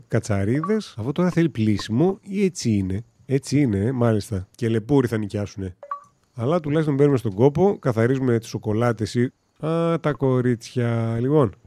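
A man's voice: medium pitch, dark tone, slight background noise. A man giving casual let's-play commentary in a joking, sarcastic way with mild swearing. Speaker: gaming commentator.

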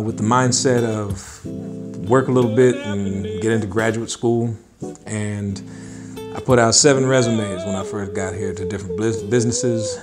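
Thoughtful middle-aged man, lowish voice. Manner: thoughtful, unhurried, many filler pauses. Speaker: blues musician interviewee. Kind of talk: relaxed interview talk. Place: indoors, wood-paneled room, seated at a table. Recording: interview with guitar music mixed underneath.

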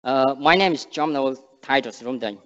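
A young man from Cambodia, speaking English with a Cambodian accent, gives an earnest church sermon and prayer, with halting phrasing and frequent restarts. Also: medium pitch, fairly bright tone. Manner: earnest, halting non-native English with restarts and emphatic rises. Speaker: missionary speaker. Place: large church sanctuary stage. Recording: long church reverb, dull sound.

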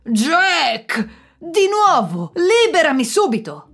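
A woman voicing a proud, menacing male devil who booms his threats in a storybook tale. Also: animated, takes it slowly. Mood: furious.

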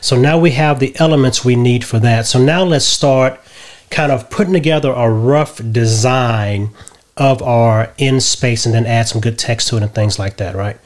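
A middle-aged man explaining a software tutorial step by step from a home office, often checking in with "right?". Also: medium pitch, normal speed. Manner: relaxed step-by-step explaining, tags lines with "right?". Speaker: tutorial host. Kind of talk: screen-share software tutorial.

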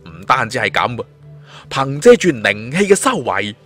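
A Hong Kong Cantonese-accented audiobook narrator delivers a scripted suspense fantasy story with great drama. His medium, slightly bright voice is very animated at a normal pace, with soft music playing behind him.

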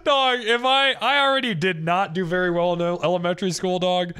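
A man's voice: high-pitched, steady tone, fairly quick, sharp tone, clear, resonant tone. An American man doing casual, joking, profane live reaction commentary as a streamer. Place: indoor home streaming room.

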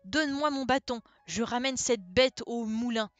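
A woman's voice: a little high, moderate pace, natural voice. A woman reading a fable aloud and voicing a cheesemaker's indignant young daughter scolding a donkey.

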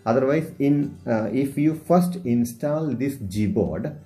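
A teacher with an Indian English accent, whose first language is Malayalam, talks through a screen-recorded phone tutorial with many pauses and filler sounds. His medium-pitched voice is animated yet mellow, with faint music in the background.

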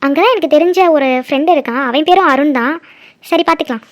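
Brief: young cartoon friend voiced by a woman, curious and caring, brisk. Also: sits high, lightly acted. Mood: concerned. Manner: curious, concerned questioning. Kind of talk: cartoon drama voice acting.

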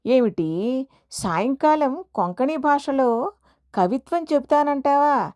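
A woman's voice: high-pitched, animated, darkish tone, no echo, clean studio sound. Woman doing a teasing young husband. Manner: mock-innocent, deliberately mishearing. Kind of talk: audio story reading.

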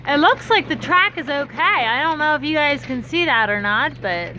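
A farm vlogger talks casually to her audience, addressing them directly in a chatty, easygoing narration recorded on a phone outside on the farm. She speaks at a moderate pace with a high-pitched voice, and the lo-fi outdoor audio is full of loud background noise.

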